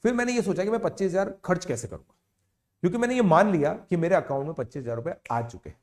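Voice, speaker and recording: A man's voice: high voice, fast talker. Chatty male educator telling a story. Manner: chatty, animated, with frequent "theek hai" check-ins; mixes English words into Hindi. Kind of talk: casual motivational storytelling to online students.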